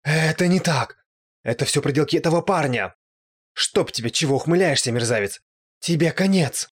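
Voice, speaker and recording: A man's voice: mid-range voice, a little fast, close to an everyday voice. A man voicing a gloating, spiteful male ghost in an audiobook, with a raised, strained, taunting voice. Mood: angry.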